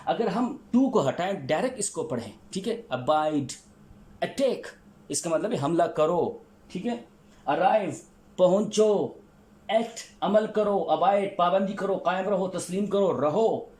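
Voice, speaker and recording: Pakistani guy teaching verb forms, slow and spelling everything out, bit higher voice, echoey room. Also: animated, a little mellow. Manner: spells words letter by letter and repeats "theek hai". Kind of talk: recorded vocabulary lesson.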